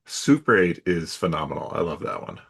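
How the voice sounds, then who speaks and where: A young man co-hosts a podcast, trading dry jokes and laughing easily. His voice sits somewhat low and has a slightly husky grain. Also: sing-song, brisk, fairly bright tone. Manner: dry, wry humor, laughs a lot. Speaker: podcast co-host. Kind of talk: casual podcast banter.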